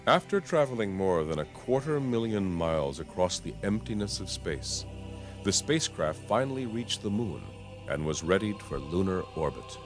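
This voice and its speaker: A man's voice: low voice, very animated, moderate pace, over music. A man reading scripted narration for a documentary.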